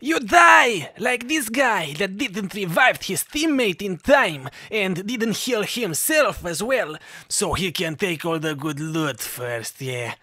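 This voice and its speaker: A man's voice: sits high, animated, slow pace, hardly any pauses, pushed and bright, no room sound. A man with a Russian accent narrating video game tips in a jokey, mock-instructive way. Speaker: gaming video creator giving tips. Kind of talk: scripted tutorial narration over gameplay. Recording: music behind the voice. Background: background music.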